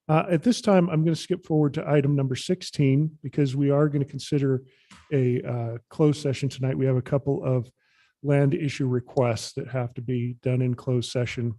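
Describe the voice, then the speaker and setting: Guy running a city council meeting, mellow voice, steady and procedural. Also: mid-range voice, normal speed. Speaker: meeting chair.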